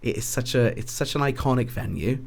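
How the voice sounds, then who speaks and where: A boxing ring announcer from Ebbw Vale, South Wales, chats casually as a podcast guest in his Valleys accent. His mid-range voice is brisk and gravelly. He rambles hesitantly, correcting himself as he goes.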